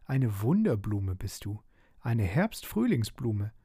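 A delighted little girl from a bedtime storybook, as a man puts her on. She talks brightly and excitedly, with a lively, bouncing voice. The sound is dry and close. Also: lowish voice, slow pace, slightly rough, dry recording, heavily acted. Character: cheerful young girl, easily delighted.

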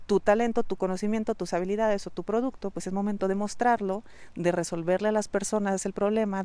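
The voice belongs to a Mexican woman hosting a solo podcast on online business: mid-range, smooth, a bit mellow, recorded without echo. She coaches the listener head-on and keeps repeating the main points to stress them.

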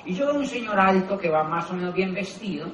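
Colombian male speaker, lively anecdote teller, a bit high-voiced, recorded far off in a roomy hall with faint ambience. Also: brisk, slight background noise. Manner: animated storyteller who acts out dialogue. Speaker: business motivational speaker. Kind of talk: live talk to an audience with anecdotes. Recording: echoey hall, distant mic, faint ambience.

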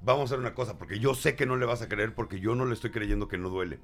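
A man's voice: on the low side, racing. A man hosting a talk show, joking and teasing in casual banter. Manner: playful, teasing, jokey complaints. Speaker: show host. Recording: light music in background.

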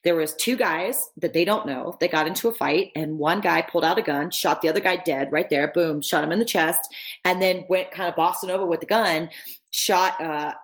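Woman, lowish voice, rambling casual storytelling, interview guest. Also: normal speed. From United States. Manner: lively, rambling, lots of "like" and restarts. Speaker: interview guest, travel author.

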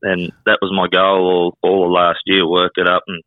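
Phone-like muffled sound, man in his 20s, rural Queensland Australian accent, deep pitch, laconic casual interview guest. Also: completely flat delivery, normal speed, dry recording. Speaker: country singer and rodeo cowboy, interview guest. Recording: muffled, roughly phone-like line, dry.

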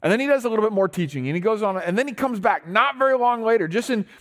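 A man's voice: sits high, lively intonation, very fast. A man preaching a sermon in an earnest, conversational way, often restarting words and urging his listeners to listen.

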